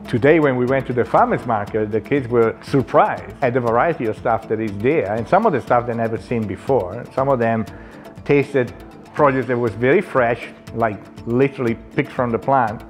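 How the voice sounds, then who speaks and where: A man in his forties, a culinary instructor, talking earnestly in a seated documentary interview and pausing often on "uh". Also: medium pitch, soft background music. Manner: earnest, with frequent "uh" fillers. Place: indoor lounge, seated.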